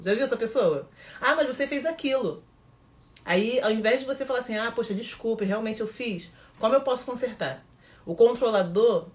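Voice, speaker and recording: A woman's voice: medium pitch, darkish tone. A woman with a Brazilian Portuguese accent, mentoring in a conversational teaching talk who often checks in with her listeners and acts out what people say. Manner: conversational, asks the audience questions, acts out quoted voices. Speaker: emotional development mentor.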